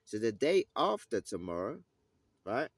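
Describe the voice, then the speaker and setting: Low-voiced man teaching scripture. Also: sing-song, breathy edge, dry recording. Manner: reads verses aloud, pauses to pose questions; checks in often with "right?" and "okay?". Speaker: Bible teacher.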